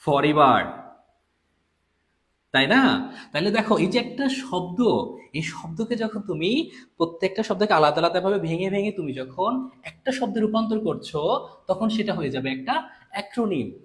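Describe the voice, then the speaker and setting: A young man with a Bangladeshi accent teaching an online admission-test class, repeating key points and chatting with students by name. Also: sits high.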